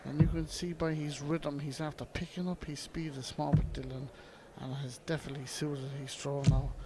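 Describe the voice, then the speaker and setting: A man's voice: on the high side, little pitch movement, moderate pace. An Irish man giving live darts commentary in a colloquial way, full of slang. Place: echoing venue with crowd behind. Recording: echoey hall with crowd noise.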